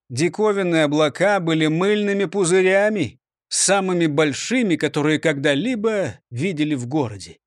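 Animated man reading a children's storybook. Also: high voice, dry recording, studio quality. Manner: animated, expressive. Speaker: narrator. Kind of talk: storybook narration.

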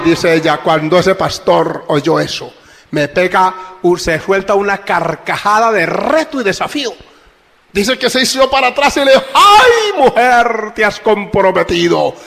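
A male pastor preaching a sermon, telling a story dramatically and acting out the voices, swinging from hushed to shouting. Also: a little high, vocal fry, in a large hall.

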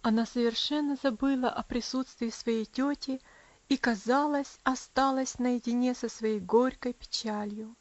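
High-voiced woman softly reading a story. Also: steady tone, a little slow, no echo, muffled recording. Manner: soft, hushed storytelling. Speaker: audiobook reader. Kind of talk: storybook narration.

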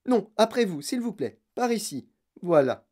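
A storybook reader voicing an eccentric, excitable grown man who makes chocolate and talks in delighted exclamations. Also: medium pitch, normal speed, pitched above the performer's own voice. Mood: jubilant.

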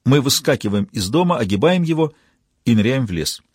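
A man reading a novel aloud in steady, even scripted narration. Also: mid-range voice, a little fast, husky, no room sound, clean studio sound. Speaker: audiobook narrator.

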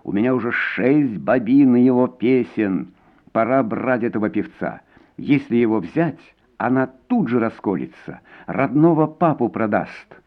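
A man's voice: mid-range voice, lively intonation, a little slow. A man reading a story, voicing a harsh middle-aged woman police colonel who barks orders. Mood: scornful. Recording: tinny phone-like sound.

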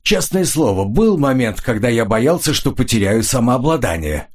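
A man's voice: mid-range voice, sing-song, normal speed, darkish tone, voice pushed up. A man voicing a cool, mocking tough-guy hero in a hard-boiled audiobook. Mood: cold. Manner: ironic, sardonic.

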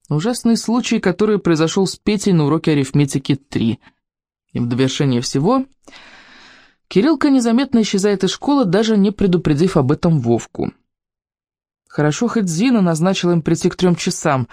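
Expressive audiobook narrator. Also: mid-range voice, no room sound, clean studio sound. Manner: expressive storytelling. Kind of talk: scripted narration.

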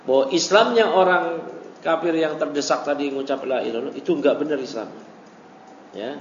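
A man's voice: on the high side, a little fast. Man teaching in an echoey hall. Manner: reads Arabic text then explains in casual speech, acts out quoted dialogue. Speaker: ustadz teaching a classical text. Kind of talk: religious study lecture. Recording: echoey hall, dull lo-fi audio, faint hiss.

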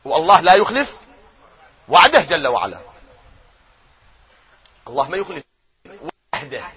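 A man giving a religious lecture, who swings from loud chanting of verses to quiet asides and keeps asking his audience questions. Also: on the high side, very animated, normal speed, slightly rough, muffled recording. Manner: asks his audience questions and answers them himself. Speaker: cleric lecturing on doctrine.

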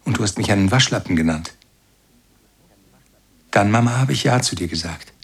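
An actor narrates a radio play in first person as a grown son recalling his childhood, repeatedly addressing his mother. His voice is lowish, husky and animated, though his words come slow and brooding.

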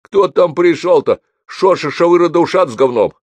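A man voicing a loud, cocky grown son who mocks and jokes. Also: fairly high pitch, lively intonation, normal speed, slightly rough, no room sound, pitched above the performer's own voice. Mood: rowdy. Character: brash, boisterous grown son, joker.

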